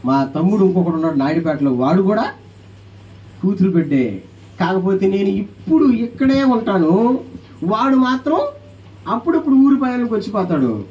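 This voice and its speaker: A man preaching a sermon as pastor, animated, calling on the congregation to answer aloud and acting out quoted voices. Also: high voice, moderate pace, long pauses, recorded from a distance, lo-fi sound.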